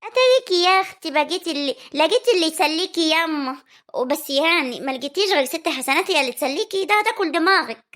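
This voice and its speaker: A woman's voice: very high-pitched, expressive, a bit bright. Woman playing a complaining young village daughter. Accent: rural Egyptian Arabic. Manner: quick, complaining, nagging.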